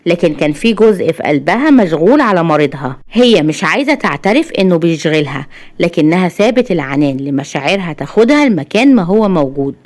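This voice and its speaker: A woman with an Egyptian accent reading a dramatic story aloud as a storyteller. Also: lowish voice. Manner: quick, lively narration voicing many characters.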